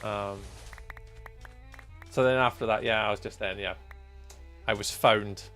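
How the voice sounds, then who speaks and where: A man in his forties from Scotland chats with his live audience while gaming, meandering cheerfully with many ums and chuckles. The voice is on the low side, steady and fairly bright, delivered unhurriedly over soft background music.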